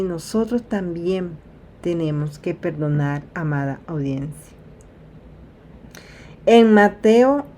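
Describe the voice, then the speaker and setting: Low-voiced woman preaching Bible stories. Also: a little hiss or hum. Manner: warm direct address, repeats "amada audiencia"; retells scripture with sighs and asides. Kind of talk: informal Bible sermon.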